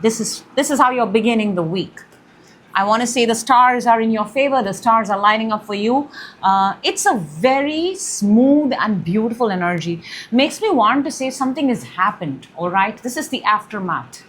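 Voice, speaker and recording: Excitable woman giving a tarot reading. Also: fairly high pitch, moderate pace, a little hiss or hum. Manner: excitable, gushing, sways between loud bursts and quiet murmurs. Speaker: tarot reader, channel host. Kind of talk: casual tarot reading to camera. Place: room in her home.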